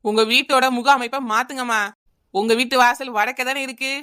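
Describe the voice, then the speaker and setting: A woman's voice: on the high side, fairly even intonation, a little fast, pushed and bright. A woman voicing a smug, scheming male fake astrologer in a cartoon, talking in a glib, rambling, mock-solemn way with a Kanyakumari Tamil accent.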